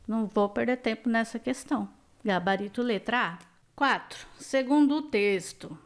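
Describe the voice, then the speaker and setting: A woman's voice: a little high, moderate pace. A woman teacher working through exam questions step by step, checking each answer with the viewer and often asking "né?". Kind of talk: exam-prep lesson.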